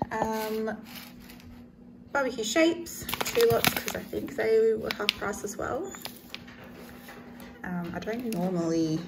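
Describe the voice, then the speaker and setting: An Australian woman vlogs a casual grocery haul to camera, speaking unscripted and often trailing off mid-thought. Her voice is fairly high with vocal fry, and the background is noisy.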